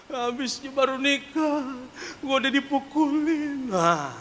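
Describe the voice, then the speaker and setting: A man's voice: very high voice, animated, slow pace, fairly bright tone, faint music behind, pitched above the performer's own voice, full character voice. A man putting on the voice of a tearful, newly married young woman who was beaten by her husband, pleading in a raised voice. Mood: complaining. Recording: long church-hall reverb, faint noise.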